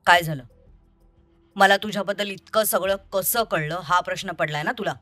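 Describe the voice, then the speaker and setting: A woman's voice: lowish voice, normal speed, a bit bright, no room sound, soft background music, close to an everyday voice. Woman voicing a bitter, accusing young man. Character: angry young man confronting a deceitful ex-lover. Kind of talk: audio story reading.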